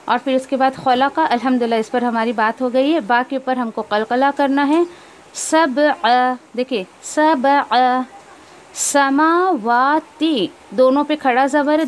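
A woman teaching tajweed, explaining each rule and then slowly reciting verses, correcting wrong pronunciations and mixing in English words. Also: high-pitched.

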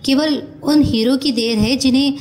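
A woman reading a storybook who voices a naive, lovesick young woman with an excitable, pleading manner. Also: sits high, normal speed, voice pushed up, close to an everyday voice. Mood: emotional.

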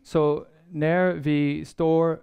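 A man giving a sermon-style Bible lecture, measured and earnest, pausing often and restarting phrases as he thinks. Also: fairly high pitch, level tone, gravelly, dark tone, clean tone. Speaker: Bible seminar speaker.

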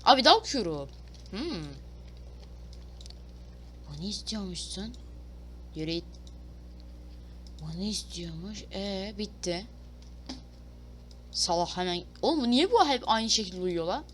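A woman chats her way through a video game, reading prompts aloud and cursing playfully as she goes. Her pitch sits at an ordinary middle for a woman. A faint hiss and the click of a keyboard run underneath. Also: animated, takes it slowly, pauses often. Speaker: gaming YouTuber. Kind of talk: casual let's-play commentary.

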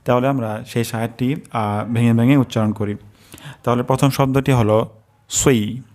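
A man teaching careful pronunciation, breaking words into syllables and repeating sounds slowly. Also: medium pitch, steady tone, darkish tone. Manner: drawn-out melodic chanting when reciting verses. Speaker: Quran recitation teacher. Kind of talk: slow pronunciation lesson.

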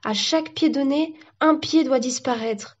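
A woman voicing a calm, slightly cheeky young man who speaks matter-of-factly, on a dull lo-fi recording. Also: high voice, unhurried, voice pushed up.

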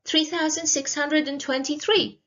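A woman's voice: high voice, steady tone, moderate pace, a bit bright, muffled recording, voice pushed up. A woman voicing a cold, scornful, miserly witch in a storybook, speaking in a curt, imperious way. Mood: dismissive, curt.

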